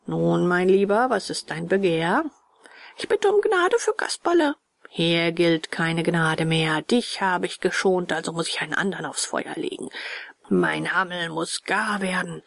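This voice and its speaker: A woman voicing a gruff, bearded male puppet-theatre director who is harsh but soft-hearted, with a rough, barking voice. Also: on the low side, animated, measured pace, dry recording, exaggerated voice.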